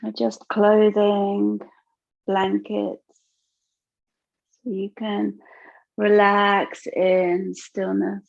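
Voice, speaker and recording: A yoga nidra teacher guides a relaxation meditation, her mid-range, gravelly voice gentle, soothing, and unhurried, with long pauses. Her delivery is completely flat, and the recording has no echo but sounds muffled.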